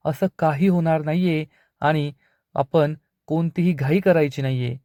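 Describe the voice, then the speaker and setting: A man reading the lines of a calm woman soothing her frightened friend. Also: fairly high pitch, unhurried, no echo, clean studio sound. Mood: reassuring. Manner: soothing reassurance. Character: calm reassuring woman, elder-sister figure.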